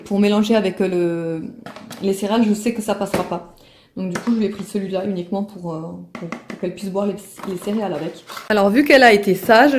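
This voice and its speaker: A woman's voice: medium pitch, a little mellow, echoey room, a little hiss or hum. A woman chatting casually to the camera in a home vlog, full of fillers and restarts. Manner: chatty, many fillers and restarts, fond baby talk to pets and baby. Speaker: family vlogger.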